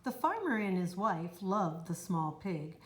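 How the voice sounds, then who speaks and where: A woman reading a children's picture book aloud in a slow, even, clear storytelling manner. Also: lowish voice. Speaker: storybook reader. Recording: roomy echo, faint noise.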